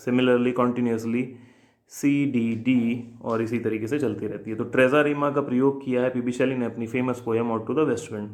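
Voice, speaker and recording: A man teaching an exam-prep lesson, reading English questions slowly and then explaining them in a chatty way. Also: medium pitch. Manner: addresses viewers as friends, reads English questions slowly then explains in Hindi.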